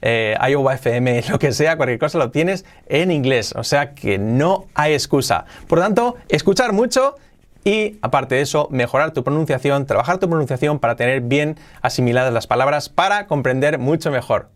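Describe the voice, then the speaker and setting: A man from giving an energetic online lesson as an English teacher, punching out each numbered tip. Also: medium pitch, moderate pace.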